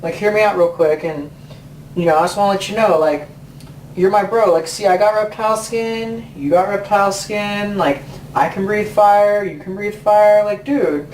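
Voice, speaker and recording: A man's voice: high voice, normal speed, darkish tone, slight background noise, close to an everyday voice. A man voicing a laid-back male dragon king who talks like a slangy bro. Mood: persuasive. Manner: slangy and persuasive, lots of "like". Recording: roomy sound from a distant mic.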